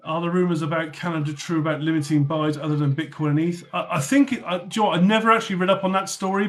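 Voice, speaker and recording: A chatty man with a slightly high voice. He hosts a casual livestream and answers viewer comments one after another in a loose, offhand way, swearing now and then. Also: a bit bright. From North Somerset, England. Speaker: livestream host.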